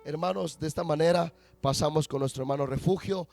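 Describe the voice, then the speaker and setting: A pastor preaching a sermon and leading a prayer, often soft and measured, at times rising to fervent declarations. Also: male voice, on the high side, gravelly, no echo, soft background music. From Mexico.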